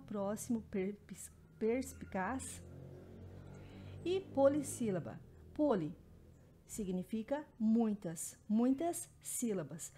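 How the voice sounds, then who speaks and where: Mellow-voiced woman teaching. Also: mid-range voice. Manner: explanatory, repeats terms, frequent "né" and "então". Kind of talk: recorded Portuguese phonetics lesson.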